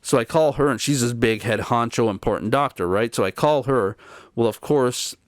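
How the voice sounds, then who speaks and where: A man talks straight to camera in a casual, worn-out voice, sounding fed up as he walks through what happened. His pitch sits in a middling range. The sound is dry and close, with no room echo. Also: normal speed. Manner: weary, exasperated retelling of events. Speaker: channel host.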